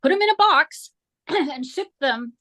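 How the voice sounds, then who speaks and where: Appearing as a guest in a relaxed chat, a woman author talks freely with a slightly hoarse voice, wandering through her answers and using many fillers. She speaks in a high, expressive, pushed and bright voice, a little on the slow side.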